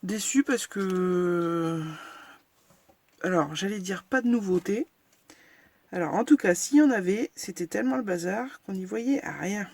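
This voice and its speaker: Woman host of a casual crafting tutorial, gravelly delivery, frank and self-deprecating. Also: medium pitch, animated, normal speed, darkish tone, no echo. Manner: chatty, filler-heavy, narrates each step as she works.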